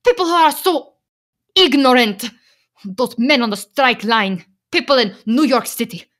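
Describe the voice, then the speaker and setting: This female performer, acting in a radio play, takes the part of a protective, firm wife who emigrated from Slovakia. She speaks with a Slovak accent, pleading in a measured, emphatic way, her voice a little high, animated and fairly bright.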